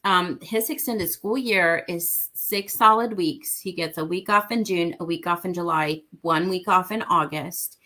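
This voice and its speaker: As an interview guest, a woman from Mexico with a somewhat low voice discusses parenting earnestly. She speaks in a relaxed, conversational, unhurried way with hardly any pauses, driving her points home by repeating them.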